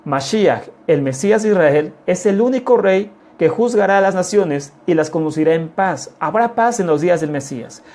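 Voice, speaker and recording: A man gives a teaching sermon in a soft, mellow voice. He talks in an unhurried way, returns to his key phrases again and again and keeps turning to his listeners with questions. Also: sits high, lively intonation. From Mexico. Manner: repeats key phrases, often calls listeners "amados"; deliberate, unhurried explanation with rhetorical questions. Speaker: congregation teacher.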